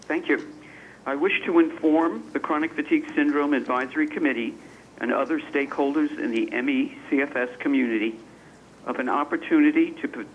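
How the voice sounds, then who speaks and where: A man with a fairly high voice reads a formal statement over the phone, measured and broken into short phrases. The call sounds tinny and narrow, with a faint hiss behind it. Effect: speaking over the phone. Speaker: public commenter. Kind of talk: reading a prepared statement. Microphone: telephone.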